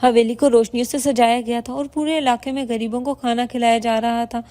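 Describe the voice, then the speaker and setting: A woman narrating a bedtime story in a steady, even reading. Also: on the high side.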